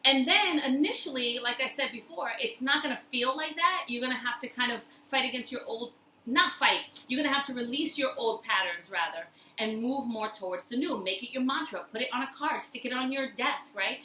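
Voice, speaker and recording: Here the motivational host sounds high-pitched and fairly quick, her tone sharp as she speaks straight to the viewer about personal growth. She hammers points home through repetition and emphasis. The recording has a roomy echo and faint noise behind it.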